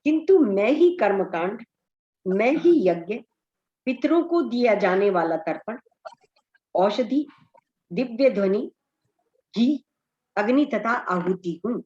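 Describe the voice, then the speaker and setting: A middle-aged woman teaching an online scripture class, slowly chanting verses and then translating them line by line. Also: mid-range voice, lively intonation, darkish tone, reverberant, lo-fi sound. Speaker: Gita study group teacher. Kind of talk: slow scripture recitation and explanation. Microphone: online group call.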